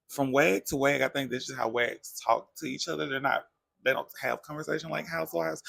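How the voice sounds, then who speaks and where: A man's voice: mid-range voice, gravelly, no room sound. A man casually recapping a reality TV episode, chatty and gossipy, acting out the cast's lines as he retells them. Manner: chatty, animated retelling with quoted voices.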